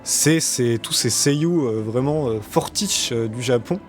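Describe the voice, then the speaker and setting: A man's voice: mid-range voice, unhurried, faint music behind. A man hosting a casual discussion, speaking hesitantly in short bursts. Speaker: show host.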